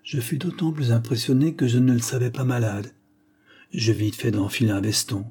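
A man narrating an audiobook in a measured, earnest way. His voice is husky with a warm, mellow tone at a middle pitch. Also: fairly even intonation.

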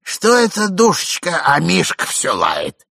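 A man voicing a fussy, doting old husband who shouts in alarm. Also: high voice, a little slow, creaky, no echo, studio quality, pitched above the performer's own voice, exaggerated voice. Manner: excited shouting.

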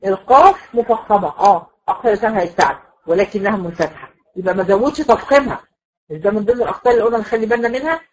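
A woman's voice: medium pitch, rapid-fire, a little mellow, rough recording. A woman with an Egyptian accent teaching Quran recitation rules in a classroom lecture, asking her students questions and demonstrating the sounds herself. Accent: Egyptian Arabic.

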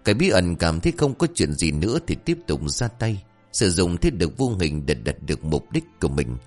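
A man's voice: sits low, moderate pace. A man narrating a comic folk tale and voicing its characters. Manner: lively, voices all characters. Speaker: storyteller. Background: faint music.

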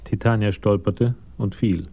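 A man narrating a radio crime drama in a measured, matter-of-fact way, on a slightly dull 1980s broadcast recording. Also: fairly low pitch, gravelly.

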